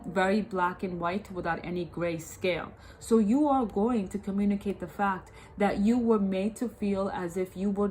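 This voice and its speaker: This congested tarot reader has a medium-pitched, slightly mellow woman's voice. She stumbles into repeats and restarts and keeps making sure the listener understands. The recording is low quality, with a little hiss or hum.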